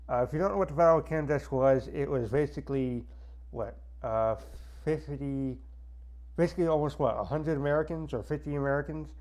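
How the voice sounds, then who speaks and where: A man giving a casual movie review with a pen held in his mouth, his speech impeded and halting, stuttering and repeating words. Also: medium pitch, a little mellow. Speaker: movie reviewer, army soldier.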